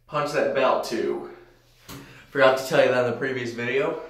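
A man's voice: mid-range voice, fairly even intonation, moderate pace, fairly bright tone. A young man vlogging casually to the camera from a small tiled bathroom. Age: young adult. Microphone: camera a few feet away. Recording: echoey bathroom, distant mic.

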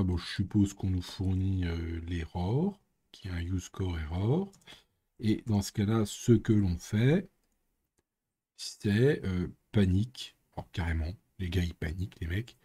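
A man's voice: low voice, warm tone, husky. A man streaming live coding, thinking aloud and muttering with playful sound effects. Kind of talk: casual live coding commentary.

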